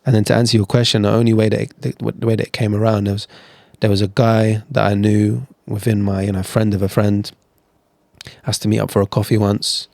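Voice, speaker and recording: A man's voice: lowish voice, flat delivery, brisk, creaky, darkish tone, no echo. A man talking candidly as a podcast guest, telling his story in a chatty way with frequent restarts. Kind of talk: casual interview storytelling.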